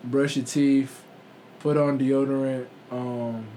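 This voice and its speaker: A man's voice: medium pitch, little pitch movement, slow, dark tone, faint music behind. A man co-hosting a podcast in casual, comedic chat, slangy and jokey, leaning on repeated catchphrases. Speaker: podcast co-host.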